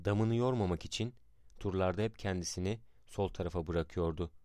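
A man narrating a historical account in a measured, dramatic reading style. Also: sits low, a little mellow, dry recording, studio quality.

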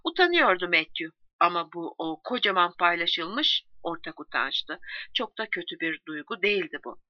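Expressive woman reading a novel. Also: lowish voice, normal speed, dry recording. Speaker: audiobook reader. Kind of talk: scripted narration of a novel. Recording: slightly dull dry recording.

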